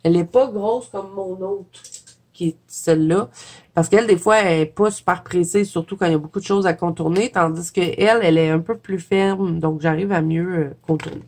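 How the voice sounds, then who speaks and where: A woman's voice: lowish voice, brisk, darkish tone. A woman with a Quebec French accent, congested with a head cold, chatting casually and laughing at herself as she paints for her viewers. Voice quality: chatty, laughs often, self-deprecating. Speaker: watercolor coloring vlogger. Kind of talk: casual chat while painting.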